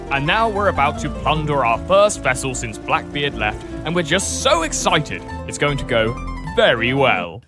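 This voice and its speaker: A man voicing a cheerful, naive gentleman pirate captain who talks eagerly and stammers, with music behind. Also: mid-range voice, close to an everyday voice. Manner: eager and hesitant, with stammering fillers. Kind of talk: comedic history video voice acting. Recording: music in the background.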